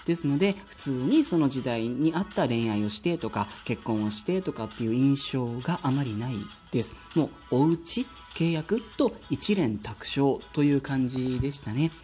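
A woman's voice: very deep voice, mellow. A woman giving a spoken fortune reading as a show host, explaining courteously and formally in a polite, apologetic customer-service manner. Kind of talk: spoken past-life reading for a listener. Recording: music behind the voice. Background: music.

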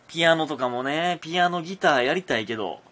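In a slightly high voice and at a fast clip, a young man with a Kansai accent runs a casual one-man radio talk. A comedian by trade, he rambles animatedly and fills his speech with fillers.

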